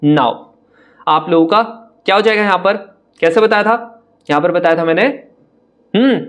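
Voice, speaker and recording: In an online exam-prep class, a young maths teacher walks students through problems one step at a time. His voice is high and bright; he is brisk and chatty, speaks straight to the class, and laughingly teases questions that look hard.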